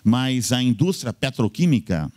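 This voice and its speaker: A man's voice: mid-range voice, very animated, normal speed, a little mellow. Emphatic man lecturing on health. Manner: emphatic, lists items in short bursts, repeats key words. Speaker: doctor giving health advice. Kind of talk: lecture-style health talk.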